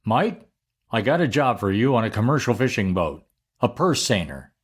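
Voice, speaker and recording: Man voicing a brisk working dad. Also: mid-range voice, sing-song, slightly rough. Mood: pleased. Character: matter-of-fact working father.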